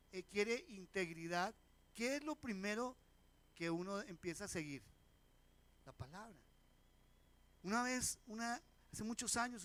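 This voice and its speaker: High-voiced pastor preaching. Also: male voice, a bit bright. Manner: asks the congregation questions, acts out quoted voices. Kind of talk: sermon. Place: church sanctuary.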